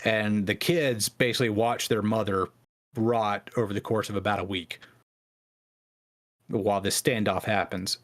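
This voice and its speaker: A man co-hosting a podcast, casually telling a history story in a rambling way, full of fillers and asides. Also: on the low side. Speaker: podcast co-host.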